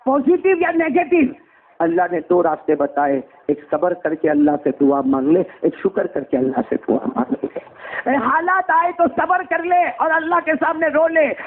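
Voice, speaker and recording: High-voiced preacher, tinny sound. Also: male voice. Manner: animated, calls out questions to the audience. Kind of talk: sermon.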